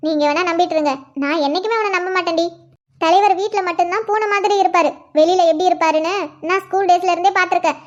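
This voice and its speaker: A woman's voice: very high voice, fast talker, muffled recording. A woman voicing a teasing, bossy older sister in a cartoon, with a scolding manner.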